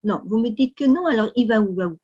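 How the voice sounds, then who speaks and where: A woman with a French accent leading a children's Sunday school lesson, speaking slowly with exaggerated, exclamatory storytelling for kids. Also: a little high, expressive, dark tone, husky, dull audio. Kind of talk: animated lesson for young children.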